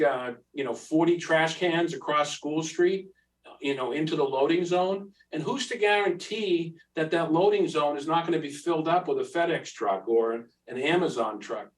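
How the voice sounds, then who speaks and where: A man speaking out against a project at a local planning board meeting, heated and repetitive, stumbling through restarts and fillers. His voice sits a little high for a man. He is picked up from some distance off the mic in a meeting room. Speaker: public commenter at a planning board hearing. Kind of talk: public comment at a town meeting.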